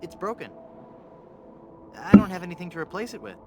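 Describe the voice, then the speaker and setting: An actor playing a naive, cheeky young wannabe pirate in a comic adventure game, with a wry, breezy delivery. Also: male voice, sits high, very animated, a little fast, background noise.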